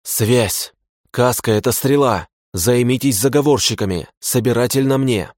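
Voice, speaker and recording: A man's voice: medium pitch, expressive, normal speed, darkish tone, no room sound, clean studio sound, pitched above the performer's own voice, lightly acted. A man voicing a male archer hero who gives terse orders. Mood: commanding.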